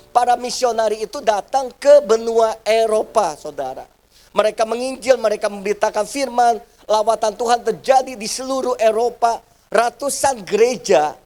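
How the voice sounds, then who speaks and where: A man's voice: sits high, a little mellow. A man pastor preaching a sermon to his congregation, calling them "brothers and sisters" and acting out the voices of people in his stories. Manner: addresses the congregation as "saudara" often, acts out quoted family voices. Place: church service.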